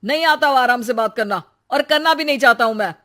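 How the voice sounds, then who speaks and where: A woman voicing an irritable young husband in an animated story, snappy and argumentative. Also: fairly high pitch, moderate pace, lightly acted. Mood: irritated.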